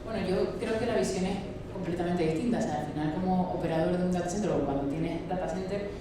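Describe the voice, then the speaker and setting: A woman's voice: fairly low pitch, fast talker. A woman with an accent from Spain speaking unscripted as an expert panelist, using business jargon. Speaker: expert panelist, IT operations manager. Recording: very echoey hall, distant, noisy.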